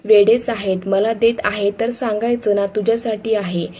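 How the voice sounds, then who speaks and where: A woman reading the part of a gentle, teasing young wife and mother who speaks softly. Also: medium pitch, steady tone, moderate pace, slightly rough, close to an everyday voice. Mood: affectionate.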